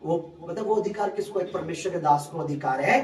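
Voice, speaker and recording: A man's voice: fairly high pitch, fairly quick, darkish tone. A male pastor preaching a sermon at a prayer meeting, emphatic and calling for answers from the congregation. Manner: emphatic, calls for responses from the congregation. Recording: echoey room, voice from far off.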